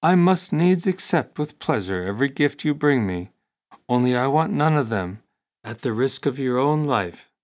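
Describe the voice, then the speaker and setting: An indulgent old storybook king speaks to his grandson in a measured, dry, kindly tone , as a man reads him aloud. The voice stays mid-pitched and close to the narration, with little put on. Firm lines come out steady rather than loud. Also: close to an everyday voice.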